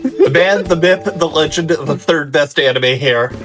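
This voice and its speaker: A man commentating on a speedrun, calmly explaining the game's rules with frequent ums. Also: a little high, measured pace. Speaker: guest commentator. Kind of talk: explaining game mechanics. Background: game music.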